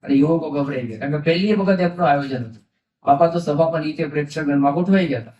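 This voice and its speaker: A man's voice: on the high side, quick pace, muffled recording. A man, a monk, telling devotional stories in a sermon and acting out the dialogue in them. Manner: animated storytelling, acts out quoted dialogue. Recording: echoey hall, mic at a distance.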